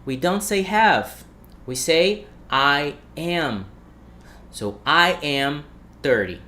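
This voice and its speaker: Brazilian-accented male English teacher, thirties, unhurried, drills phrases and quizzes viewers. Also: fairly high pitch, lively intonation, bright, forceful tone. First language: Portuguese. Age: 30s. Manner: repeats phrases slowly, asks the chat questions. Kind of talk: livestream language lesson.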